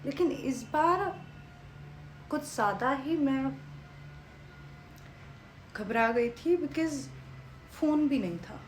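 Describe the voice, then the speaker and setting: A young woman telling a story in a casual vlog, lively and animated, mixing English phrases into her talk. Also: high-pitched, slow pace, long pauses. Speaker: vlogger. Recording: echoey room with faint background noise.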